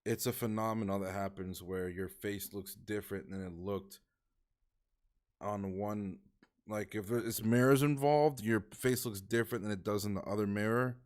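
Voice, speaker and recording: Streamer, male, lowish voice, loose and profane, rambling reaction commentary. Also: normal speed, a little mellow. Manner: chatty, swears freely, thinks aloud. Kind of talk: casual live-stream commentary.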